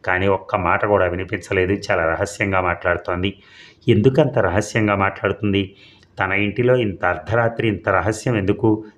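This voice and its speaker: A man's voice: sits low, normal speed, a bit bright. A man narrating a suspense serial as an audiobook, reading steadily and briefly voicing the characters' lines.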